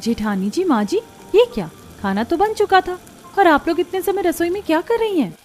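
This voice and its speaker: A woman's voice: very high-pitched, lively intonation, moderate pace, darkish tone, faint music behind. A woman voicing a young outspoken daughter-in-law in a cartoon, speaking firmly and asking pointed questions. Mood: questioning. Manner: firm and questioning. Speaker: voice actor. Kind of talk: cartoon voice acting.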